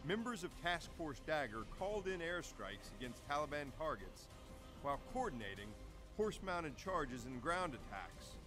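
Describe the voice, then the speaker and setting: A man delivering scripted documentary narration in a measured, solemn way. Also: on the high side, big pitch swings. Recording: narration over loud music.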